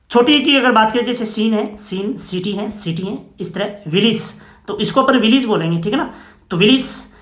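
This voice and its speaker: A man's voice: high-pitched, a bit bright, reverberant. A man teaching a classroom phonetics lesson, explaining step by step and often checking with "okay?".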